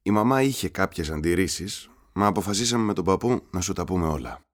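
A reader voicing a calm, reassuring father with a wry streak in an audiobook. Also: sits low, voice pushed down. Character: calm, dry-humoured father. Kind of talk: audiobook character voice.

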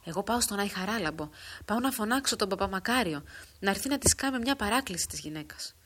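A woman reading the part of a bold, quick-witted old village woman who speaks firmly and urgently in a storybook reading. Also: medium pitch, lively intonation, fairly bright tone. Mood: urgent, persuasive. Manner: firm, persuasive, urgent.

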